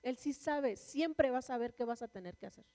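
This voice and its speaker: A woman's voice: sits high, moderate pace, mellow. A woman preaching a sermon and sharing a personal testimony in an earnest, conversational way. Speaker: church speaker. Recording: long reverb of a large hall.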